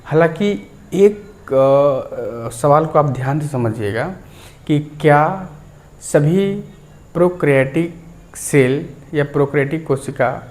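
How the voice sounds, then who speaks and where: A man's voice: mid-range voice, a little mellow. A man teaching a science lesson, explaining step by step, checking in with the listener and repeating key terms. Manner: clears throat now and then.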